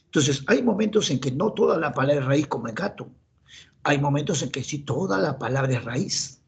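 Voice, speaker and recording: A male teacher with a Peruvian Spanish accent lectures on grammar in a gravelly, slightly raised voice. He quizzes himself aloud and answers in the voices of his students. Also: fairly high pitch, expressive, fairly quick, slight background noise.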